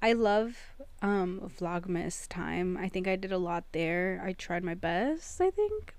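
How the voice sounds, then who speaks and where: A woman's voice: fairly low pitch, expressive, slow, darkish tone, dry recording. A young woman co-hosting a casual podcast chat, chatty and a little hesitant, with many fillers. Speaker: podcast co-host.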